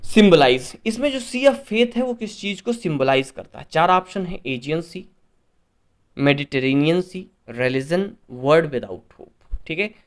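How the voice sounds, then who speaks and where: Higher-pitched man tutoring an English exam paper. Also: lively intonation. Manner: reads questions slowly, then explains in Hindi with frequent checks; corrects himself often. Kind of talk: exam paper solution lesson.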